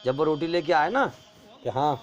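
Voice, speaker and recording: A preacher acting out greedy robbers plotting over a pile of gold. They talk rough and coarse, in a slightly high male voice. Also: lively intonation, lo-fi sound, natural voice. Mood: scheming. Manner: scheming, coarse street talk.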